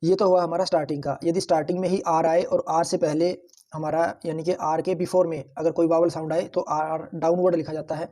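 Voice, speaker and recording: A man's voice: on the high side, level tone, a little fast, dark tone. A man teaching shorthand, explaining each point patiently and repeating it, often addressing the viewers as friends. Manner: patient, repetitive, keeps calling viewers "friends". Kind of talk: classroom-style tutorial explanation.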